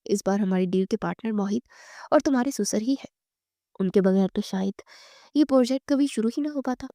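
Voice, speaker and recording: A woman's voice: mid-range voice, warm tone, dry recording, studio quality, lightly acted. A woman reading the lines of a proud, affectionate older father.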